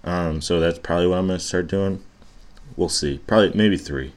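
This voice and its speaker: Low-voiced rambling young man. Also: a little fast. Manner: rambling, swears casually, many fillers and restarts. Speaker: podcast host. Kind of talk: casual solo podcast storytelling.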